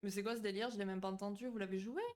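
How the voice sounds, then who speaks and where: Speaking in a steady, mid-range tone at a racing pace, this psychology streamer greets her chat casually over a home microphone. Warm and talkative with viewers, she reads their messages with a hesitant "euh" style, lots of fillers and frequent restarts.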